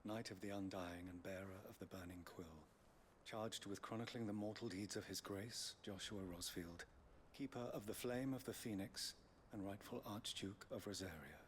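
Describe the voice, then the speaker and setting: A man playing a calm, creepy, solemnly devoted cultist knight in a video game, speaking formally with hushed phrase endings. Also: on the low side, normal speed, a little hiss or hum, natural voice. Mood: solemn, reverent.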